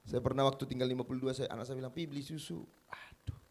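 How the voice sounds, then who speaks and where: A man preaching a sermon as pastor at a church service, emphatic, swinging between loud exclamations and quiet, confiding passages. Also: mid-range voice, completely flat delivery, racing.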